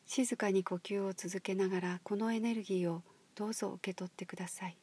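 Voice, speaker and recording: Woman guiding a meditation; husky, whispery, unhurried voice. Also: mid-range voice, steady tone. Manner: soft, slow, breathy near-whisper. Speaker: meditation guide. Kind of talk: guided meditation. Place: outdoors at a highland marsh.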